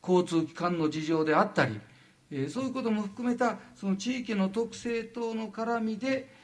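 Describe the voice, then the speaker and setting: An older man from Japan giving a lecture, halting with frequent fillers and lively asides. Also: high-pitched. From Wajima, Noto Peninsula, Japan.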